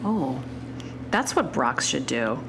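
Low-voiced sardonic woman chatting. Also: sing-song, slow, creaky, noisy background. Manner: sardonic, crude, chewing while talking. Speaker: podcast co-host. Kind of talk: casual chat, food tasting.

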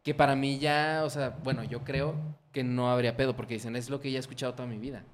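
A man's voice: medium pitch, steady tone, fast. A man with a Mexican accent, co-hosting a casual podcast chat, insistent and emphatic, swearing freely. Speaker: podcast co-host.

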